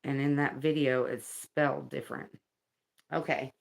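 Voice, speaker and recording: A woman giving a casual spiritual card reading, reading aloud in a slow, thoughtful way and second-guessing herself. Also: extremely low pitch, fairly even intonation, vocal fry.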